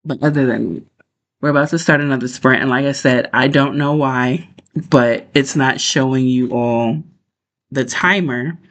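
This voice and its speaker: Man, medium pitch, chatty, informal, rambling, book livestream host. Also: a little slow, fairly bright tone. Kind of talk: casual livestream chat.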